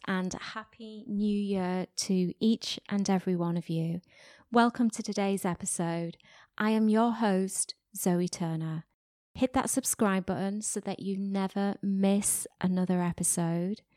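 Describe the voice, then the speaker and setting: Slow, soothing woman meditation host. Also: medium pitch, a little mellow, no room sound, studio quality. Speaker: podcast host. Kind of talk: guided meditation talk.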